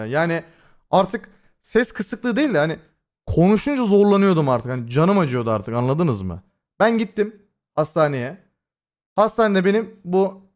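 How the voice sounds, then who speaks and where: A young man streaming live, talking casually to his viewers, swearing freely and rambling with many fillers. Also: high-pitched. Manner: swears freely and addresses chat directly. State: voice has been hoarse lately. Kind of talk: casual livestream chat.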